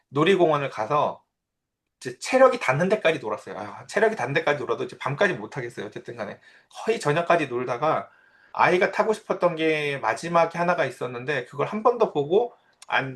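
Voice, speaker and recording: A man's voice: on the high side, a bit bright. A man in his thirties, a pastor, giving a conversational sermon and telling personal stories. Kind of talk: sermon with Bible reading.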